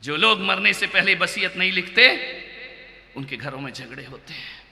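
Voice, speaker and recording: A man, a monk, preaching a sermon in a loud, declamatory way that rises into shouts. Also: high-pitched, lively intonation, moderate pace. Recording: echoey hall with long reverb.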